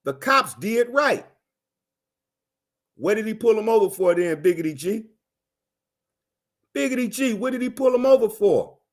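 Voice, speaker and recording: A man giving animated, emphatic commentary and answering viewers, driving his points home with repeated phrases. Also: high voice, moderate pace, long pauses. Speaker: commentator on a livestream.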